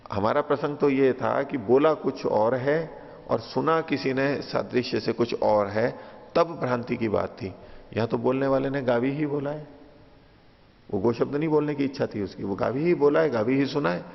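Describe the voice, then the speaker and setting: A man with a gravelly, creaky voice teaches scripture line by line, reciting a verse and then patiently restating its meaning. The recording is dull and lo-fi, with a long hall reverb trailing behind his words. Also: medium pitch. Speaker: teacher of philosophy.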